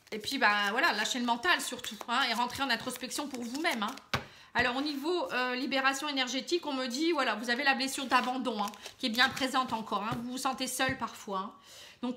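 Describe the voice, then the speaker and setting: Bright high-voiced woman reading cards. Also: a little hiss or hum. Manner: chatty, many filler words and tags; gently advising, addresses viewer directly. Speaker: card reader. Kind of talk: casual tarot reading to camera.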